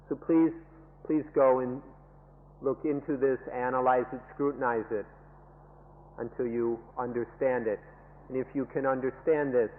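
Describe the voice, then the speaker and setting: A man interprets a dharma talk at an extremely slow, deliberate pace, stressing each point and saying it again in new words. His voice rings with a long hall reverb, and the sound is narrow and phone-like, from an old archival recording. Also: medium pitch. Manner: emphatic, restates each point in several wordings.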